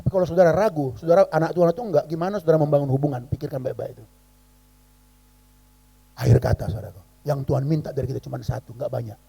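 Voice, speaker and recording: A middle-aged pastor telling stories in a sermon and acting out both sides of a dialogue. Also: male voice, on the high side, fast talker, creaky, dark tone, breathy edge, in a large hall. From Indonesia.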